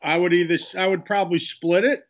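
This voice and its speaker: A man's voice: sits high, steady tone, brisk. Middle-aged male handicapper guest, brief dry answers, dull lo-fi call audio. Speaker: horse racing handicapper. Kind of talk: casual sports chat.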